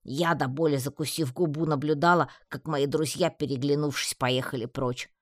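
A man narrating a fantasy audiobook in the first person, in an even storytelling manner. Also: a little high, normal speed, no room sound, clean studio sound. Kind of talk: scripted narration.

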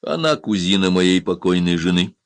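A man voicing a commanding pirate captain who speaks calmly and firmly, with tenderness. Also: low voice, normal speed, dry recording. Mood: reassuring. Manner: calm, firm.

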